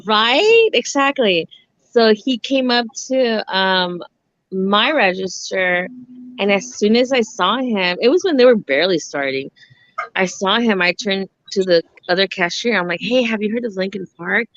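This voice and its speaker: A woman's voice: mid-range voice, expressive, unhurried, fairly bright tone, no echo, lo-fi sound. Chatty woman in her forties. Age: 40s. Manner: laughs often, tells stories with lots of "I'm like". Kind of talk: casual chat.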